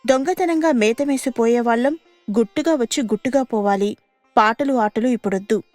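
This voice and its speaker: A woman's voice: a little high, moderate pace, a little mellow, no room sound, natural voice. A woman voicing a sly, cautious fox in a children's radio story, warning and mocking in a raised voice. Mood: anxious warning. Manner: warning, then jeering. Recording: dry studio radio recording with faint music.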